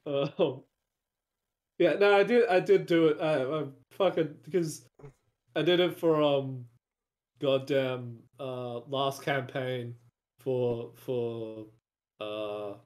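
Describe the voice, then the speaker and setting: A man's voice: medium pitch, takes it slowly, darkish tone. A man talking as a player in a tabletop game, hesitant and swearing casually. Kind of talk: casual chat.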